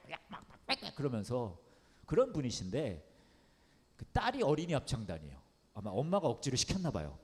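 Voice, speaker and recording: A man preaching as a pastor, telling a funny story in a lively, comic way and repeating words for effect. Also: medium pitch. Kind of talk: storytelling sermon. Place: underground church hall. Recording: long hall reverb.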